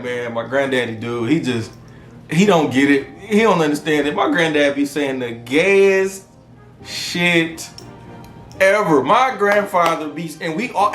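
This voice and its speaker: Man, 30s, podcast host, animated and profane, higher voice, echoey room. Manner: animated, profane storytelling with frequent laughter. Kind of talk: casual comedic monologue. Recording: roomy echo with faint music.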